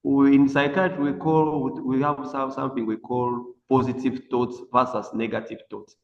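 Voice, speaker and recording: Gravelly man on an echoey call. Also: medium pitch, flat delivery, a little hiss or hum. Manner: halting, with many restarts and fillers. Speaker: psychiatrist and dermatologist, webinar speaker. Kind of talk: unscripted talk on a video call. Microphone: video call. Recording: muffled, roomy, long echo.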